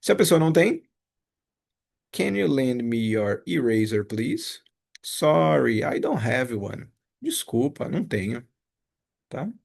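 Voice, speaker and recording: A man's voice: medium pitch, big pitch swings, slow pace, gravelly, pauses often, darkish tone. A man teaching a casual review lesson. He talks patiently, explains step by step and repeats each example. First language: Portuguese.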